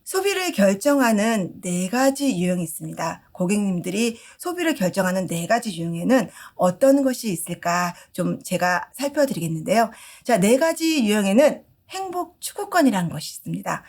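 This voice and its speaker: A woman's voice: medium pitch, very animated, normal speed, hardly any pauses, a little mellow. A middle-aged woman giving a lecture to market merchants, asking the audience questions and acting out shop dialogues. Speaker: customer service lecturer.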